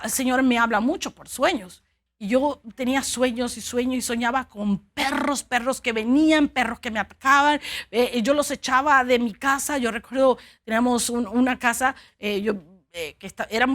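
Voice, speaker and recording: A woman from Cuba preaching a sermon and telling a personal testimony, earnest and halting, with frequent restarts. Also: sits high, a bit bright.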